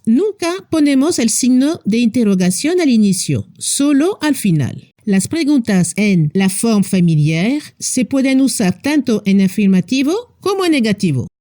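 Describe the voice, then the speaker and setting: A woman teaching a scripted language lesson, speaking slowly and deliberately as she reads out careful example phrases. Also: on the high side, big pitch swings, mellow, no room sound, studio quality. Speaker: French teacher.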